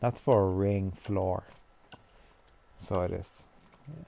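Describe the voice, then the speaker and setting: A gamer building a character talks casually through his gameplay in a lowish, gravelly voice that is dark and mellow. Taking his time, he chats, thinks aloud, and answers his own questions.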